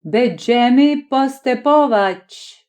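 A woman voicing a pompous, stately Polish gentleman with a Polish accent, speaking slowly and solemnly. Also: a little high, animated, voice pushed up. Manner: slow, solemn, stately delivery.

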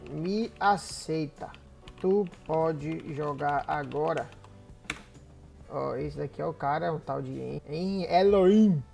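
A man's voice: on the high side, takes it slowly, creaky, a little mellow. A young man with a Bahian Brazilian accent chatting casually and informally with his viewers as a gaming YouTuber. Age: young adult. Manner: informal, slangy, addressing viewers as buddies. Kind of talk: casual gamer vlog chat. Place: small home gaming room. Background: background music.

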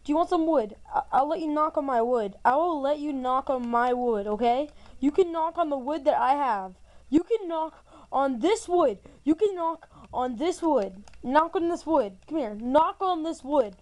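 A woman giving casual, excitable gameplay commentary as a gaming channel host, repeating herself playfully. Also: high-pitched, normal speed, low-quality recording.

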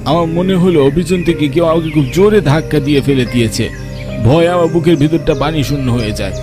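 A young man narrating a first-person ghost story in a tense, hushed way. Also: on the high side, brisk, music in the background.

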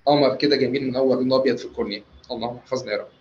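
A man with an Egyptian Arabic accent giving a medical lecture, quickly quizzing his listeners with questions and answering them himself. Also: mid-range voice, steady tone, highs cut off, slight background noise.

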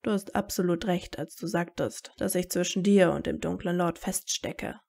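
A woman's voice: lowish voice, fairly even intonation, normal speed, creaky, darkish tone. A woman reading as a wary, bitter teen wizard. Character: guarded teenage wizard boy, wary and bitter.

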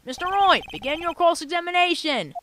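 A woman's voice: extremely high pitch, expressive, a little fast, background noise. A woman voicing a flustered elderly male judge in a courtroom game, hesitant one moment and stern the next. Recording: game music playing behind.

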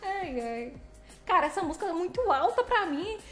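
A woman's voice: very high-pitched, very animated, normal speed, fairly bright tone, reverberant, faint music behind. A woman chatting casually on a livestream while driving, playfully greeting viewers by name. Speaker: livestreaming truck driver. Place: vehicle cab while driving.

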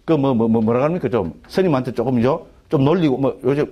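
The speaker is a middle-aged monk with a Gyeongsang Korean accent, chatting his way through a lecture on a Buddhist text, constantly asking his class "right?" and beginning sentences anew. He talks fast in a medium-pitched, warm voice.

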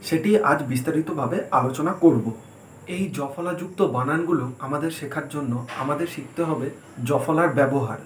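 A man's voice: on the high side, slight background noise. A man giving a spelling lesson at a board, asking questions and answering them himself as he spells words out letter by letter. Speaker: teacher. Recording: echoey room.

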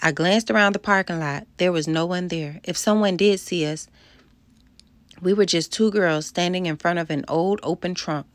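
Low-voiced woman reading a storybook aloud. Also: normal speed, no echo. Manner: expressive, voices the dialogue. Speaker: audiobook narrator. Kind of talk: first-person storybook narration.

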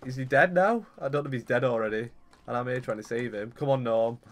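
Quick and medium-pitched, a young man rambles through casual commentary on the game he's playing for his YouTube channel. He's chatty, and mishaps make him excitable.

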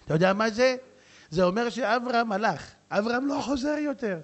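A man, a rabbi, preaching a sermon with jokes and acted dialogue, shifting between shouts and hushed asides. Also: extremely high pitch, animated.

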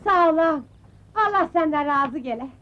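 A woman's voice: high-pitched, animated, normal speed. An actress playing a pregnant young wife pleading for her husband's life, in a dull old film soundtrack. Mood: grateful.

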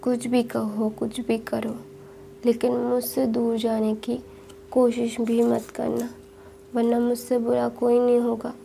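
A woman reading the part of a possessive young lover, speaking low and insistent in a flat, dark tone with a gravelly edge. His lines stay hushed and steady. The voice comes from a spoken fan-story retelling. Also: slow pace, a little hiss or hum, exaggerated voice.

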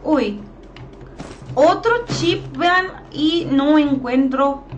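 Bubbly high-voiced Mexican woman streamer. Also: dull audio, slight background noise. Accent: Mexican Spanish. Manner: chatty, playful, quick greetings to viewers. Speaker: gaming streamer. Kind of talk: live-stream commentary, greeting chat.

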